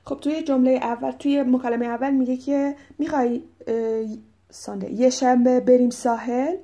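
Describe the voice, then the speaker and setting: A woman teaching English, with a Persian accent and a mellow, slightly high voice. She explains patiently and reads the English examples slowly and clearly. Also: steady tone. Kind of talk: explaining vocabulary.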